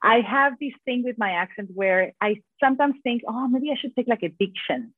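A woman from Argentina with a strong Argentine Spanish accent, a guest on a podcast interview who talks fast and tells her story with energy. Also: on the high side, dry recording. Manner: fast-talking, animated storyteller. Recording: tinny phone-line audio.

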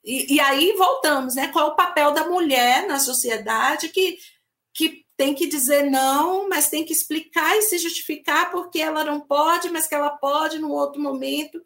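A woman's voice: high voice, normal speed, a bit bright. A woman from Brazil, speaking firmly and emphatically in a casual discussion. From Northeastern Brazil. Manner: firm and emphatic, blunt statements. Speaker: discussion panelist.

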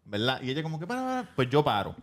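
A man's voice: medium pitch, quick pace. A man, co-hosting a casual podcast and reading out a listener's letter with jokes. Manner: joking, lively, swears casually. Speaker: podcast co-host.

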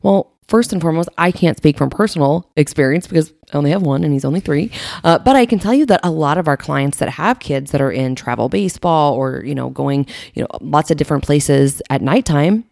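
A woman hosting a podcast in a casual way, with a raspy, hoarse voice that is nearly gone. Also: deep voice, lively intonation, fairly quick, few pauses, a little mellow, no echo, studio quality. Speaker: podcast host.

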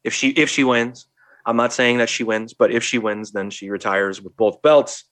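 A man's voice: medium pitch, fairly even intonation, normal speed, a bit bright. A man co-hosting a podcast, talking casually and rambling with many restarts. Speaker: podcast co-host. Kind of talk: casual chat.

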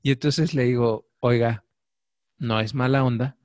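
A man's voice: medium pitch, unhurried, no room sound. Man, Mexican accent, middle-aged, storytelling, casual podcast chat, dry close sound. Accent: Mexican Spanish. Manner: animated storyteller, acts out quoted voices.

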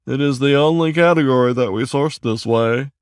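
A man's voice: mid-range voice, moderate pace, clear, resonant tone, dry recording, studio quality, close to an everyday voice. A man voicing a male aardvark hosting an awards banquet, with a droning, formal announcer delivery. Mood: formal announcing.

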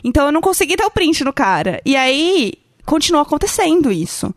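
A woman's voice: high voice, very animated, a little fast, no room sound, clean studio sound. A Brazilian woman co-hosting a podcast, telling a story in a chatty, casual way, full of fillers and the odd swear word. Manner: chatty, lots of fillers, swears when annoyed. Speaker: podcast co-host.

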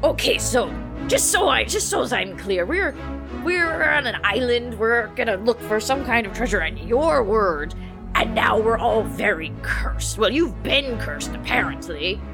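A woman joking her way through a tabletop game, her voice swinging high and low as she talks. She laughs often and tosses in pirate slang. Music plays clearly behind her. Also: a little slow. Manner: lively, laughing, slips into pirate talk. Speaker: player. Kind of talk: tabletop role-play banter.

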